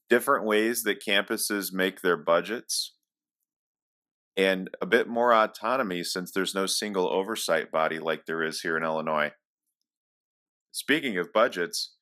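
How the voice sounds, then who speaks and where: A man's voice: lowish voice, sharp tone. A man reading a scripted monologue, thinking aloud as he weighs a job move. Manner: thoughtful, talking to himself. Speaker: educator considering a job.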